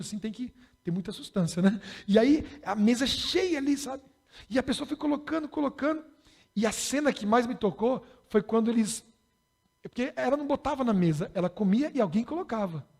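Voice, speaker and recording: A man's voice: sits high, warm tone. A Brazilian man preaching a sermon as pastor, speaking in a conversational, humorous way and rising in emphasis on key points. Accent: Brazilian Portuguese.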